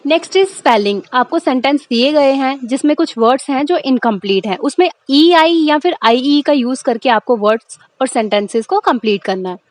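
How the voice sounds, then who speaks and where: A woman teacher explaining a school lesson, reading each line slowly and then explaining it in Hindi. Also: high voice, expressive.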